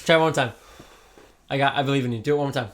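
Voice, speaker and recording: A man's voice: medium pitch, racing, background noise. A young man co-hosting a podcast as the first-time film watcher, chatting in an easygoing way and laughing often. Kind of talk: casual chat.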